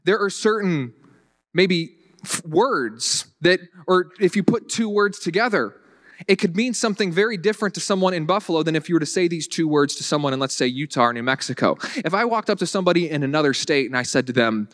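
A man's voice: fairly high pitch, animated, a little fast, fairly bright tone. A man with a Southern accent preaching a conversational sermon, often repeating words as he restarts his sentences and dropping in dry humor. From Virginia. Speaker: pastor.

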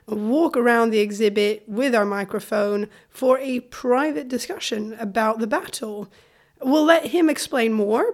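Gravelly-voiced woman podcaster with a cold. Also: fairly high pitch. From Sweden. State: has a cold. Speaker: podcast co-host. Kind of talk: conversational podcast introduction.

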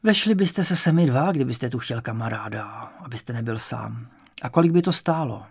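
A man's voice: medium pitch, expressive, gravelly, breathy edge. A man reading an audiobook, voicing a small, chatty old landlady of about seventy who talks in a cautious, fussy way. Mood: eager. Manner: fussy, cautious, then eager and warm. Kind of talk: audiobook character voice.

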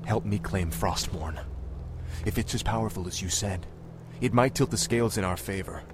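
An actor playing a proud, vengeful young warrior prince in a fantasy video game, commanding and intense. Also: male voice, lowish voice, normal speed, background noise, lightly acted. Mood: grim resolve. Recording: music behind the voice.

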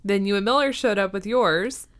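A woman's voice: medium pitch, moderate pace, fairly bright tone. A young woman co-hosting a podcast, chatting with a dry, teasing humor and frequent laughter. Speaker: podcast co-host. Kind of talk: casual chat.

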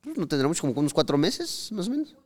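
A man's voice: fairly high pitch, sing-song, fast, in a large hall, over a noisy crowd. A young man with a Mexican accent, co-hosting a podcast and telling a story in casual, slangy chat, acting out what people said. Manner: slangy storytelling, acts out quotes. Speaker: podcast co-host.

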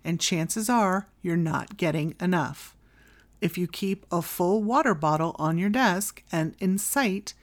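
This podcast host, a woman with a somewhat low voice, presents a solo advice show from a script. Her manner is orderly and instructional, and her guidance arrives as short, clear directives.

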